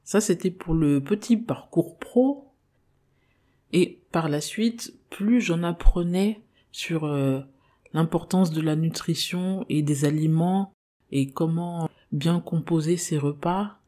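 A woman's voice: deep voice, takes it slowly, warm tone. A young woman, a podcast host of Congolese descent, talking earnestly in a personal monologue with frequent hesitations.

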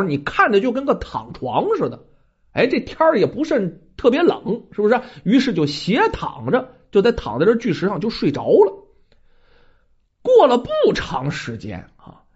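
A storyteller telling a folk ghost tale in a lively, colloquial way, talking to the listeners. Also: medium pitch, husky, muffled recording.

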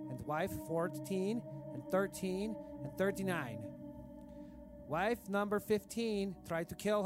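An actor playing a cruel, pompous dictator king who speaks in broken, grand formal sentences. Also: high voice. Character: cruel pompous self-adoring dictator king, adult man. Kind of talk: comedic audio diary reading. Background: music.

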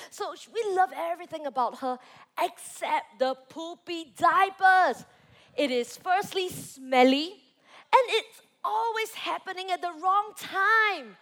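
A young woman pastor preaching to a youth service, telling a personal story with lively, animated delivery. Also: sits high. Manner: animated storytelling, acting out her own reactions.

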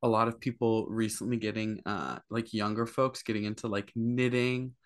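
Co-host, male, 30s, lowish voice, hesitant and curious, fumbles for words. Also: steady tone, normal speed. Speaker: podcast co-host. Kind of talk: casual chat.

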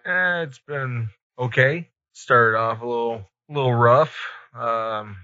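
A man's voice: medium pitch, takes it slowly, pushed and bright, no echo. A man hosting a podcast, chatting casually with hesitant, laid-back phrasing. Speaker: podcast host. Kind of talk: casual conversational podcast chat. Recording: slightly muffled, lo-fi podcast sound.

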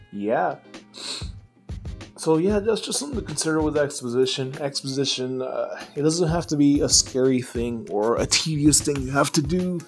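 A man's voice: medium pitch, darkish tone. A man hosting a casual solo podcast about writing, talking in a loose, rambling way with lots of fillers and restarts while he has the hiccups. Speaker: podcast host.

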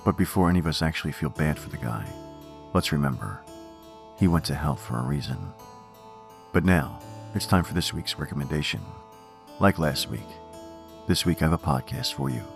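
A man's voice: rumbling low, normal speed, creaky. A man narrating scripted horror as a theatrical, macabre horror host on a podcast. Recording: music behind the voice. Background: background music.

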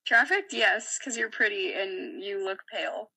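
A woman's voice: mid-range voice, unhurried, gravelly, sharp tone, breathy edge, poor audio. A young woman in casual chat with friends, blunt and slangy in her joking.

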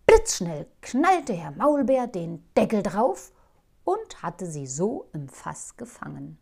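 A woman reading a children's story aloud in an expressive, playful way. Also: medium pitch, takes it slowly, gravelly, breathy edge.

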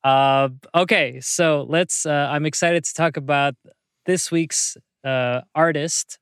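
Bright-voiced joking podcast man. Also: fairly high pitch, fairly even intonation, takes it slowly, clean tone, dry recording, clean studio sound. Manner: playful, jokey, laughs often. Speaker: podcast co-host. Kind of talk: casual podcast chat.

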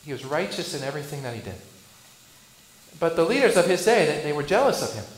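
A male Lutheran pastor preaching a sermon. He asks rhetorical questions and swings between loud bursts and hushed lines. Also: fairly high pitch, big pitch swings, quick pace, echoey room, rough recording.

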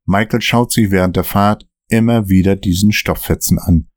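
A man narrating a scripted story podcast in a steady, measured way. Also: low-pitched, no echo, clean studio sound.

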